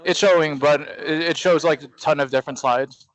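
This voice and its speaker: A man's voice: a little high, fairly even intonation, normal speed, no echo, lo-fi sound. A man chatting casually as he helps organize an event. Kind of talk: casual chat.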